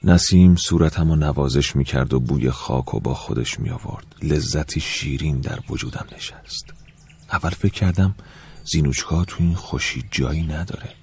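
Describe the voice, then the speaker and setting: A man narrating an audiobook in the first person, soft and reflective, with a wistful tone. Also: rumbling low, husky.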